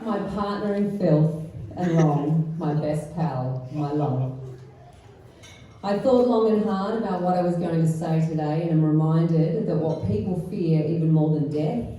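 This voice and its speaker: A middle-aged woman reading a mother of the bride speech, affectionately roasting with dry, deadpan humour. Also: low-pitched, measured pace, muffled recording. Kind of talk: wedding speech read aloud, affectionate roast. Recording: echoey venue, far from mic, faint noise.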